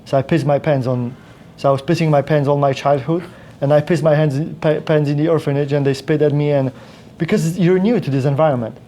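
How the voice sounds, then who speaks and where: A Polish man in his thirties, whose first language is Polish, rambles through his life story as a podcast guest in a casual interview, full of restarts and fillers. His voice is slightly high and mellow, brisk and steady in tone, with hardly any pauses.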